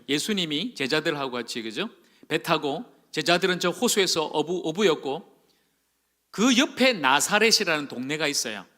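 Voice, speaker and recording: Male pastor, high and lively delivery, folksy sermon with questions to the congregation. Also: big-room sound. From Gyeongsang Province, Korea. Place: church sanctuary.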